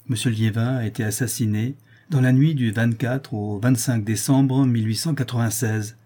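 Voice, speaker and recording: A man reading a short detective story aloud, measured and expressive. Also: mid-range voice, slightly rough. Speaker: narrator.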